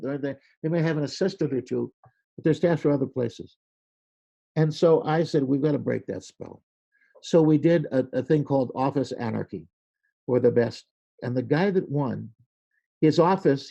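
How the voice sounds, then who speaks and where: A man telling animated stories in a casual interview, acting out quoted lines with a loud voice. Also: a little high, gravelly, slightly rough, highs cut off. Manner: animated storyteller, acts out quoted lines loudly. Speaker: podcast guest, creativity speaker.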